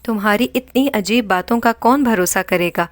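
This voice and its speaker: A woman's voice: medium pitch, no room sound, close to an everyday voice. A worried husband pleads with his wife, his words tumbling out in alarm, read out by a woman. The storybook reading is dry and close. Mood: baffled. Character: bewildered husband, a worried young-to-middle-aged man.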